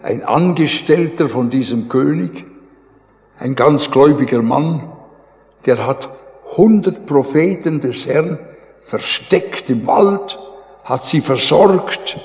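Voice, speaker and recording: A man's voice: on the high side, slow pace. A man preaching a sermon, retelling a Bible story dramatically and calling his listeners friends. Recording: echoey hall with long reverb.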